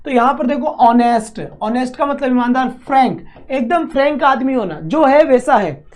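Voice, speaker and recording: A man's voice: very high voice, moderate pace, darkish tone. A man teaching a vocabulary lesson, asking and answering his own questions and scolding students teasingly. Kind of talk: classroom-style vocabulary lesson.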